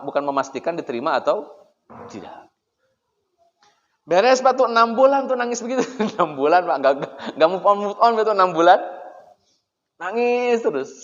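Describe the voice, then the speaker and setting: A man giving a chatty, joking sermon as an Islamic preacher, often turning to address the congregation directly. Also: fairly high pitch. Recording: dull, echoey hall recording.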